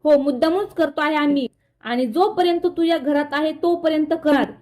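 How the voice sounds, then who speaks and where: A woman's voice: high voice, moderate pace, a little mellow, natural voice. Woman reading a stern, blunt middle-aged mother.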